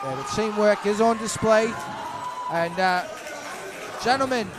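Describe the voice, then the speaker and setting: A lucha libre announcer with a very high-pitched male voice calls the action from a broadcast table. His phrasing is dramatic and formal, like a ring showman's, over clear crowd noise. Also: unhurried. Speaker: play-by-play wrestling announcer. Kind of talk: lucha libre wrestling commentary. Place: broadcast table at a wrestling event. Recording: live event with loud crowd.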